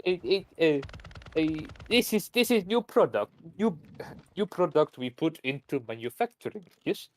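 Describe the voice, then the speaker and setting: A man's voice: on the high side, animated, moderate pace, voice pushed up, lightly acted. A man putting on a blunt Soviet engineer. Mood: deadpan boastful. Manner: clipped, matter-of-fact broken English. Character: boastful male Soviet aircraft engineer, blunt.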